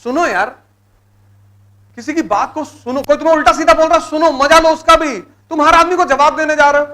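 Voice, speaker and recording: A man's voice: extremely high pitch, a little fast, pushed and bright. A middle-aged man giving a motivational lecture to exam students, exhorting them with blunt commands and repeating key words for emphasis.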